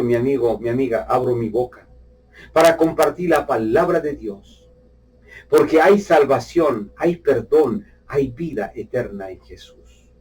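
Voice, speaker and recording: A man preacher giving a personal testimony sermon, fervent, swinging between loud outbursts and hushed, quiet passages. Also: mid-range voice, husky, far from the mic, low-quality recording.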